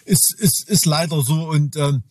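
Husky-voiced man in casual podcast chat. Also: on the high side, measured pace, darkish tone, no echo. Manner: rambling, many restarts, tag questions. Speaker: podcast co-host.

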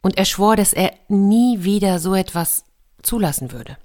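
A woman reading a fairy tale aloud for children, expressive and lively, speaking directly to her young listeners. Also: mid-range voice, unhurried. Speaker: storyteller.

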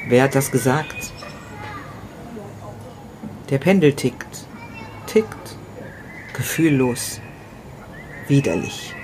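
With a rumbling low voice and a full character performance, a woman reads the grief-stricken, tormented man narrating a first-person literary novella. The setting is an outdoor city balcony with a noisy background, and her delivery halts, repeats, drops to whispers, and rises into outbursts.

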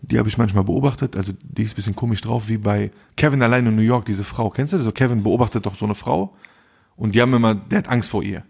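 A man's voice: lowish voice, quick pace, vocal fry, a little mellow, breathy edge. A man co-hosting a podcast, telling a story in a casual, slangy way and acting out both sides of the dialogue. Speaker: podcast co-host.

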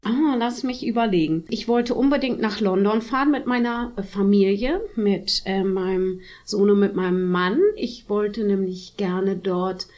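A woman's voice: medium pitch, measured pace, few pauses, darkish tone. A middle-aged woman chatting casually as an interview guest, rambling and searching for words. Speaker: interview guest, theatre director.

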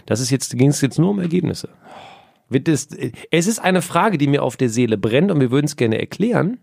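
A man chatting casually as a co-host, full of jokes and mock-serious asides. His pitch swings freely up and down. The sound is close and dry, with no room around it. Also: moderate pace, gravelly, no echo. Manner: joking, teasing, lively. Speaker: podcast co-host. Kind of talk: casual sports chat.

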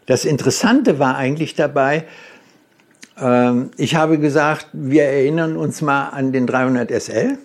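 A man's voice: mid-range voice, steady tone, normal speed. A German-speaking man recounting his career in an interview, telling it as a story with acted-out quotes and frequent hesitations. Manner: storytelling, acts out quoted dialogue, hesitant fillers. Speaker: interviewee, car designer. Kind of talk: reminiscing in an interview.

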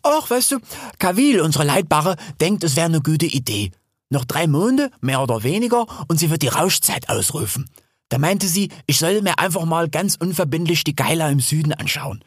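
A man's voice: fairly high pitch, sing-song, moderate pace, husky, dry recording, clean studio sound, voice pushed up. Man doing a chatty young wild sow, Hel. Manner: chatty, teasing. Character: young female wild sow, lively and teasing.

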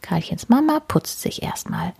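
A woman reading a children's story aloud in a soft, often half-whispered narrating voice. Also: fairly low pitch, big pitch swings, measured pace, creaky, slightly rough.

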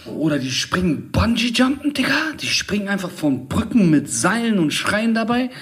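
A man in his thirties, co-hosting a casual chat and telling stories in a slangy, animated way. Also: sits high, moderate pace. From Germany. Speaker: podcast co-host.

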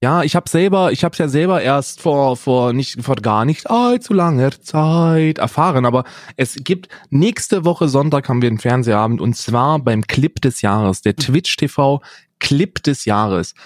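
A man's voice: medium pitch, a little slow, dry recording, studio quality. A man co-hosting a casual podcast, joking around and mimicking other people's voices. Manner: jokey, mimics voices and accents. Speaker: podcast co-host. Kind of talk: casual banter.

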